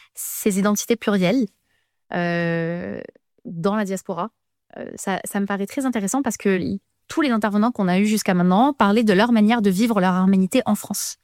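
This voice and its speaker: A woman with a mid-range voice hosts a podcast interview. She asks measured questions, with frequent fillers. The recording is dry and close. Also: medium pitch, darkish tone, dry recording. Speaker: podcast host.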